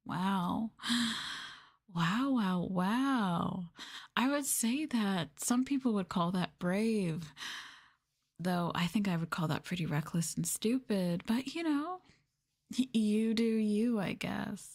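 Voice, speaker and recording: Her voice mid-range, animated and a touch mellow, the streamer and VTuber host moves at a slow pace through an ASMR roleplay, condescendingly mocking and sultrily teasing her listeners.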